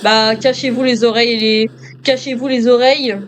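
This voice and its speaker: A man's voice: extremely high pitch, level tone, normal speed, a bit bright. A male gamer doing joking commentary on a horror game, talking to himself and to viewers as he plays.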